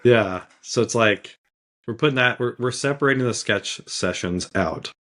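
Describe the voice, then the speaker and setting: A man's voice: mid-range voice, normal speed, fairly bright tone. A man co-hosting a casual podcast with a slight cold, talking in a laid-back way with lots of fillers and easy laughs. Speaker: podcast co-host.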